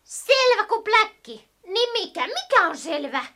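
A woman voicing a small, excitable myyreli creature in a children's radio play, asking quick, chirpy questions. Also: very high voice, slight background noise, heavily acted. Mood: eager. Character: small eager female myyreli creature, sniffer.

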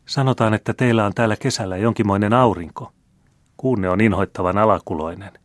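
A man's voice: fairly low pitch, dry recording, studio quality, voice pushed up, natural voice. A man reading as a teasing French marquise. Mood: playful teasing.

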